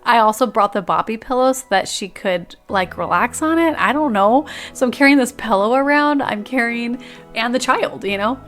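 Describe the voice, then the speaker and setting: A woman's voice: fairly high pitch, expressive, moderate pace, fairly bright tone, faint music behind. A young woman hosting a podcast, telling a personal story in a casual, chatty way with lots of filler words. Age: young adult. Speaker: podcast host.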